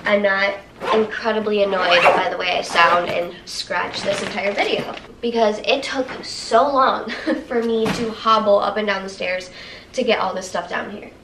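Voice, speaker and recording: Background noise surrounds a medium-pitched female voice with fairly even intonation at normal speed. The young woman, nasal and congested with a cold, is a vlogger doing a casual haul of baby items from her living room floor, chatty, upbeat and laughing frequently. A camera held at arm's length films her first, then one across the room.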